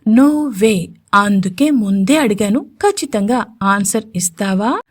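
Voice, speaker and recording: A woman's voice: mid-range voice, lively intonation, slow pace. A woman voicing a playful, teasing young male CEO who keeps pressing his sweetheart, insistent and mischievous.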